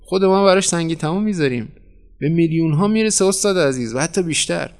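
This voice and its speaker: A man doing a slick editor, cool and salesy, lifts up when pitching, storybook voice. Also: close to an everyday voice. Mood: persuasive. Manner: cool, persuasive, flattering. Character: smooth, scheming middle-aged male newspaper editor.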